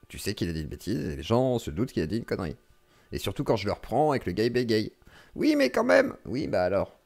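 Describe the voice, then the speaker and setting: A man hosting a casual live stream reacts to a debate with mocking commentary. His pitch leaps around with lively swings. He laughs often and drops from loud bursts into low muttered asides. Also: creaky.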